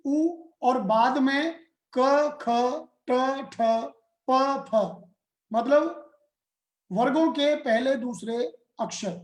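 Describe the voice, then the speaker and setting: A man gives a grammar lesson at an unhurried, measured pace. He breaks each rule into small steps and asks his students questions as he goes. His voice carries a roomy echo. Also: very high voice. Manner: slow, deliberate explaining with questions to students. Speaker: Hindi grammar teacher. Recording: roomy echoey room.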